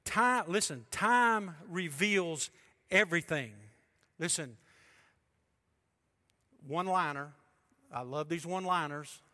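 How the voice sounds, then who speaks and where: A male pastor preaching a sermon, emphatic and shifting between loud and hushed delivery. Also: fairly high pitch, takes it slowly, long pauses.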